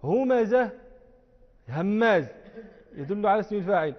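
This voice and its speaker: A man with a high voice explains a classical text to his students, slowing down and repeating words to show their forms. The recording is dull and muffled. His voice rings on through the long reverb of a large hall. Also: animated. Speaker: religious teacher.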